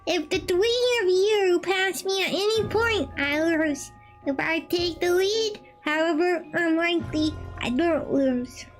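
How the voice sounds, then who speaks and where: A woman voicing a gloomy, sulking masked male sea spirit in a game, pleading slowly and mournfully. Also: very high-pitched, soft background music.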